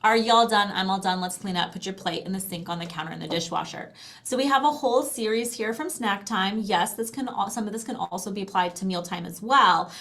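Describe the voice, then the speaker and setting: Speaking briskly in a mid-range, slightly bright voice, this middle-aged American woman walks listeners through a language program. She is both presenter and guest, and her relaxed explanation is friendly and encouraging.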